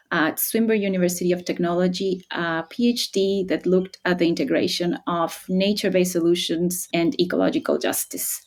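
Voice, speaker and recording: Woman researcher chatting. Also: fairly low pitch. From Costa Rica. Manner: thoughtful, friendly, quick to laugh. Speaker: guest researcher. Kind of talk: casual interview talk.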